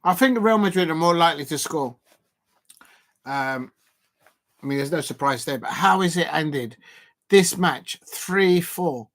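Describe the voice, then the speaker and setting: Here a man from Colombia hosts a live football viewing, his commentary loose and packed with fillers, restarts, and abrupt excited yelps. He speaks at a fairly high pitch, with a measured pace and long pauses.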